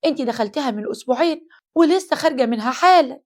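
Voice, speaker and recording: A woman's voice: high voice, expressive, very fast. A woman voicing a grieving, tearful Egyptian mother in an audio horror story. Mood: sorrowful. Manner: loud, tearful pleading. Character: grieving middle-aged Egyptian mother, loud and pleading.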